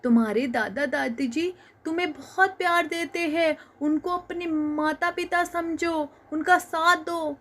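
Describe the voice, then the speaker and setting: A woman voicing a loving departed father who soothes his crying daughter in a cartoon story, speaking softly. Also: very high voice, measured pace, full character voice. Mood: comforting.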